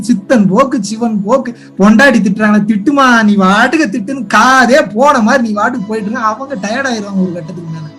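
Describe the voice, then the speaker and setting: A man with a very high voice gives a spiritual talk, pressing listeners with one rhetorical question after another. He swings from loud, pleading urging to soft asides. Faint music plays behind him. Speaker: spiritual teacher. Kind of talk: impassioned spiritual talk to viewers.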